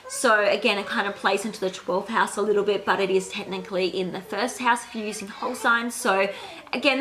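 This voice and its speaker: An astrology vlogger in her thirties, recorded on a handheld camera, casually walks through a reading with lots of fillers. A cold makes her medium-pitched voice sound nasal, and there's background noise.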